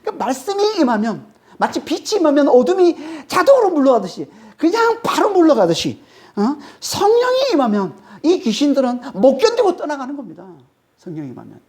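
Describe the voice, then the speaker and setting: With a high, slightly mellow voice whose pitch swoops wildly, this woman preaches briskly. Her expository sermon is emphatic and full of repeated key phrases, punctuated by a prompting "eh?" to check in with the audience.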